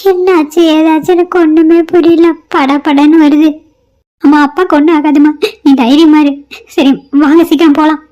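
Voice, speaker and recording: A woman's voice: sits high, little pitch movement, moderate pace, dark tone, lo-fi sound, close to an everyday voice. A woman voicing an anxious middle-aged village mother who frets and wails in fear. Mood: frightened. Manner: fretful, wailing. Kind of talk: cartoon voice acting.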